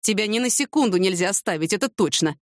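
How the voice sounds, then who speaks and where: A woman's voice: medium pitch, expressive, fast, no room sound, studio quality, lightly acted. A woman reading an audiobook, voicing an injured, weary male police major who complains in an exasperated way. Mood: pleading.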